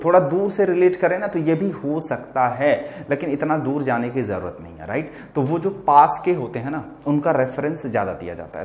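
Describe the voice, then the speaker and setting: A man's voice: mid-range voice, roomy sound. A man teaching English vocabulary to students in Hindi, explaining patiently and often checking that they follow. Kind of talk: vocabulary lesson.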